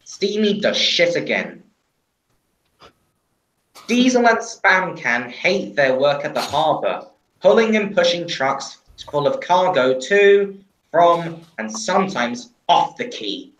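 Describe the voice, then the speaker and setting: A woman reading a story aloud on a livestream, lively and unhurried. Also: sits low, reverberant, poor audio.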